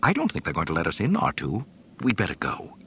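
A man's voice: high voice, huge pitch swings, moderate pace, gravelly, fairly bright tone, a little hiss or hum, pitched above the performer's own voice, full character voice. A man voicing a fussy, anxious golden protocol robot with a prim, fretful manner.

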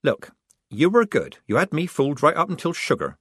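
Brief: man voicing a sensible young woman in soldier's disguise, dry, measured, raised pitch, storybook. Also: huge pitch swings, a bit bright, slightly rough, no echo, heavily acted.

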